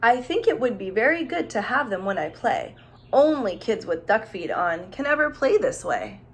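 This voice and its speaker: A woman teacher reads a children's storybook aloud with plenty of expression, tossing questions and asides directly to her young listeners. Her voice sits on the high side with a sing-song lilt, at a moderate pace, over slight background noise.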